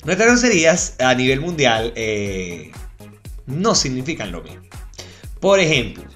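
A man's voice: medium pitch, very animated, a little slow, fairly bright tone, faint music behind. A Venezuelan man with a Venezuelan Spanish accent, co-hosting a casual chat, joking, swearing freely and telling anecdotes. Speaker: podcast co-host. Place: living in Chile.

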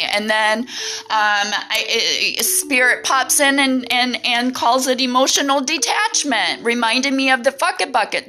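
A woman's voice: on the high side, bright, forceful tone. A woman giving a casual spiritual tarot reading, rambling with many fillers and frequent "right?" tags. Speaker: tarot reader.

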